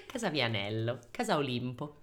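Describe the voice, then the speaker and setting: A woman's voice: very deep voice, big pitch swings, moderate pace. A woman co-hosting a podcast, reading myths aloud and breaking off with joking asides and frequent laughter. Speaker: podcast co-host.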